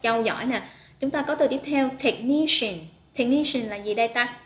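Speaking quickly in a higher register, she teaches English vocabulary over a live stream, encouraging learners by name and working on how words are pronounced. The recording has an echoey, faintly noisy room sound.

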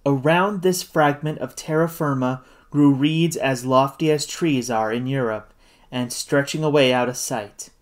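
A narrator reading a classic novel aloud in an expressive style. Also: mid-range voice, unhurried. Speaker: audiobook narrator. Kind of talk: scripted audiobook narration.

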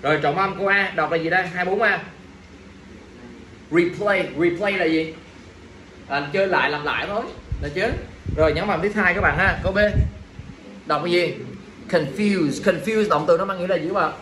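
In a classroom, a male teacher drills his students through an exam review with constant check-in questions. His voice sits high and is fairly bright, at a moderate pace with frequent pauses. The room is echoey, the mic distant, with faint ambient noise.

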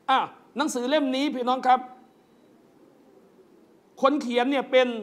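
High-voiced man preaching to a congregation. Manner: storytelling, often calls listeners brothers and sisters; emotional and earnest, with light joking asides. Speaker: Islamic preacher. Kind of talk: lecture to a congregation. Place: mosque lecture hall.

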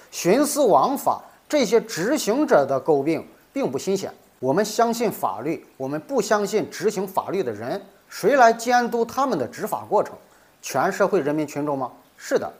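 A middle-aged man hosting a legal commentary, delivering a scripted monologue with indignant rhetorical questions. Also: a little high.

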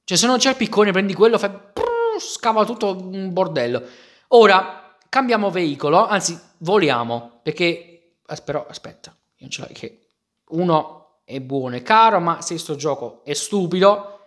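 A young man, giving excitable, casual commentary on a Minecraft game and talking straight to his viewers. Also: high-pitched, moderate pace. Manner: excitable, exclaiming, talks to viewers as "raga". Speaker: gaming youtuber.

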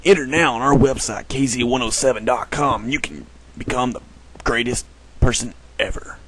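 A man's voice: moderate pace, a bit bright, breathy edge. A man voicing a pushy, over-the-top male radio DJ reading a contest ad. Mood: hyped. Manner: booming, pushy ad-read delivery. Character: hyped male radio DJ, loud and salesy.

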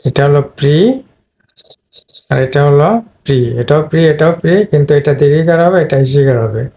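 Mellow-voiced man teaching pronunciation. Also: fairly high pitch, rapid-fire, gravelly. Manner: repetitive, drills words over and over. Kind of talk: online lesson explaining word stress.

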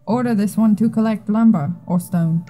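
A woman's voice: mid-range voice, normal speed, warm tone, lightly acted, rough recording. A woman putting on a creature guide's wandering accent. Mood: solemn. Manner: wandering made-up accent, reading game text aloud. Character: male mole-like cult guide creature. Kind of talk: reading game dialogue aloud.

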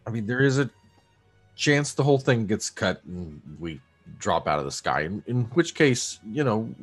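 Low, husky-voiced man playing a tabletop game. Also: very animated, moderate pace, soft background music. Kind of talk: casual in-character game chat.

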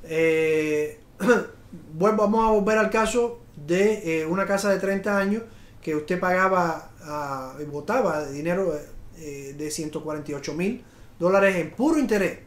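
A man's voice: sits high, unhurried. A middle-aged man hosting a live talk on home finance, rambling with restarts and fillers in an upbeat sales tone. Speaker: realtor and show host. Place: studio in front of a slide screen. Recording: echoey studio room.

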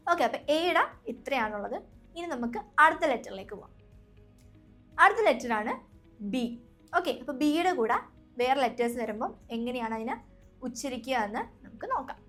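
A young Malayali woman gives a spoken English lesson, saying each sound, asking the listeners to repeat it, then saying it again. Her voice sits a little high. Faint music plays softly behind her. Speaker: English teacher.

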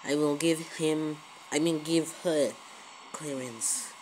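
Slow and steady, with a darkish mid-range tone, a woman video creator casually talks through gameplay, often repeating words and phrases. The low-quality amateur recording was captured on a handheld phone filming a screen, with faint background noise.

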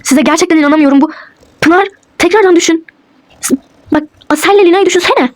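Frantic young husband played by a woman in a toy role-play: high, racing delivery, disbelieving questions. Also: fast talker, a little hiss or hum. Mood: distraught.

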